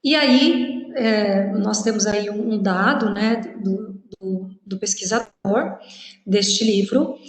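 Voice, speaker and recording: A woman's voice: medium pitch, takes it slowly. A woman teaching a lecture with slides in a chatty, informal way, often checking in with her listeners and acting out quoted speech. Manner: chatty, frequent "né?" tags, acts out quoted speech. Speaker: teacher giving a presentation. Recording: echoey room with long reverb.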